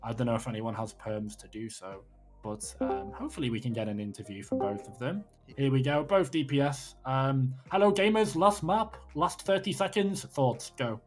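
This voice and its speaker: A man casting a live esports match. He gets excitable, swears freely and sounds out of breath after a close finish. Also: mid-range voice, moderate pace, faint music behind. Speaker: esports caster.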